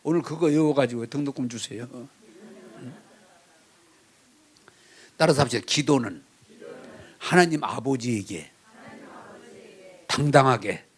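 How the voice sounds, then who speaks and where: A middle-aged male pastor preaching a sermon in a lively way, acting out children's pleas and leading the congregation in repeating phrases. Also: medium pitch, slow, pauses often, husky.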